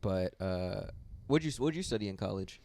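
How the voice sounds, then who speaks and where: A man's voice: fairly low pitch, animated, brisk, creaky, dark tone. A man hosting a podcast, chatting loosely, swearing often and laughing easily. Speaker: podcast host. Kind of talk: casual chat.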